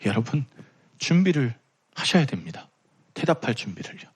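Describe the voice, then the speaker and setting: A man's voice: medium pitch, sing-song, moderate pace, slightly rough. A young man preaching a sermon in a church, impassioned and rising to emphatic pleading. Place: church sanctuary.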